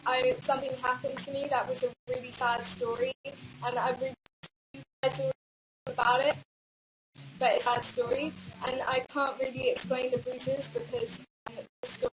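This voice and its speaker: A woman's voice: high voice, little pitch movement, moderate pace, rough recording. A young woman chatting casually on a livestream, reading out viewer quotes in a rambling, hesitant way.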